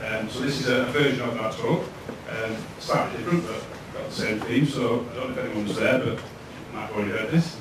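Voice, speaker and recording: A Lancashire man in his thirties gives a relaxed, chatty tech meetup presentation to an audience in an event room, with a mid-range voice and frequent pauses filled with "um." The recording is noisy and echoey, captured on a distant mic.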